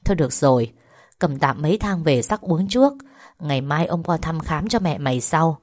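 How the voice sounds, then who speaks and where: A woman's voice: low-pitched, lively intonation, moderate pace, darkish tone, dry recording, studio quality. A woman voicing an old male village herbalist who talks in a blunt, grandfatherly way. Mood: gruff kindly.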